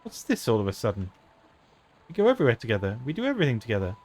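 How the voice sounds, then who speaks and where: A man's voice: wildly swooping pitch, rapid-fire, darkish tone, soft background music. Guy putting on a pouty little girl voice, clingy and fired up, game dialogue read aloud. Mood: upset. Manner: reading game dialogue aloud in a higher put-on voice. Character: young girl, spirited and clingy.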